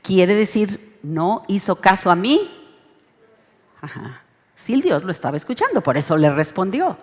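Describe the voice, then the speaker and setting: A woman with a Mexican accent leading an interactive Bible study lesson, expressive and urging the group to read along. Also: medium pitch, measured pace. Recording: reverberant hall sound.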